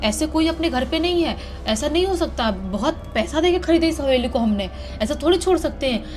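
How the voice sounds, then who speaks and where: A woman's voice: high voice, lively intonation, fairly quick, a little mellow, soft background music. A woman voicing a father who brushes off his wife's fears in a told horror story. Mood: dismissive. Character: dismissive father, reassuring his wife.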